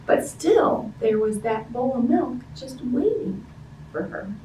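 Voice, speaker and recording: Reading a picture book aloud with animation, this story-time host talks to young children in simple language and asks them questions. Her voice is a little high with big pitch swings and a slow pace, in a roomy, distant-sounding recording with faint background noise.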